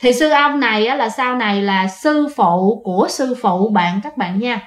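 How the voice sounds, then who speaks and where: A woman tells a ghost story in a loose, chatty way, often turning to address her listeners. Her voice sits fairly high. The recording carries a noticeable roomy echo. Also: expressive, normal speed. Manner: chatty, addresses listeners directly, many fillers. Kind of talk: casual spoken storytelling.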